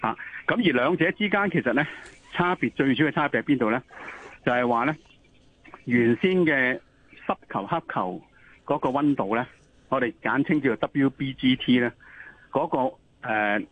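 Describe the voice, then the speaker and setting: A man's voice: mid-range voice, moderate pace. A man with a Hong Kong Cantonese accent, an expert guest explaining didactically over the telephone, repeating points for emphasis. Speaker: interview guest, occupational health expert. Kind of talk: explanatory interview answers. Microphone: telephone call. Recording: tinny phone line with noise.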